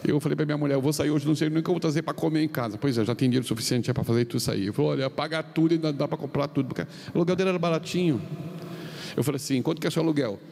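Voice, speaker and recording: Middle-aged Brazilian male preacher, fairly high voice, long arena reverb, storytelling sermon. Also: rapid-fire, vocal fry, darkish tone. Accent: Brazilian Portuguese. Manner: tells anecdotes with quoted dialogue, pitch swings up and down. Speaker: pastor. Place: large arena. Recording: long reverb of a large arena, faint noise.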